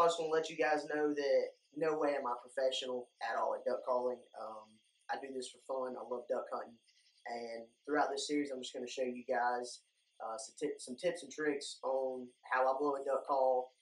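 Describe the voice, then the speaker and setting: A young man giving a casual, plain-spoken how-to talk to viewers as an instructor. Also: medium pitch. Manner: informal, plain-spoken, addressing viewers as guys. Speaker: duck calling instructor, video host. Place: indoor room lined with duck decoys. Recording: echoey room, distant microphone.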